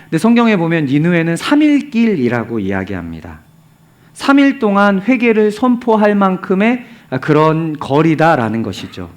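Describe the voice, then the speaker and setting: A man's voice: on the high side, huge pitch swings, normal speed. A male pastor preaching a sermon, telling the story with animation and asking the congregation rhetorical questions, sometimes dropping to a near whisper for emphasis.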